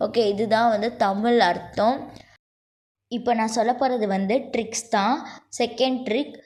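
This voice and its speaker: A woman teaching a grammar lesson over slides. She explains step by step, checks in with "okay?" and slows down to dictate word lists. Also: on the high side, fairly even intonation, a little mellow. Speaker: English teacher.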